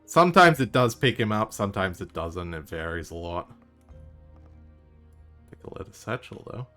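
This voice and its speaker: A man's voice: lowish voice, sing-song, moderate pace, bright, forceful tone. A man streaming a video game live, commenting in a wry, offhand way and swearing freely. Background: game music.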